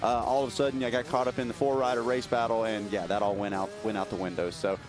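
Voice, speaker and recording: A man's voice: on the low side, level tone, music in the background. A young man doing live race commentary from an announcers booth, chatty and joking. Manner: chatty, joking, fast-talking. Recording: noisy outdoor race broadcast.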